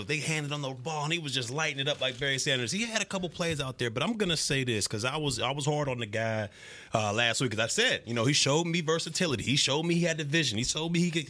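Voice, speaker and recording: A man's voice: mid-range voice, sharp tone. A man co-hosting a sports talk show, giving player analysis in colloquial, conversational speech. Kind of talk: casual sports analysis chat. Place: podcast studio.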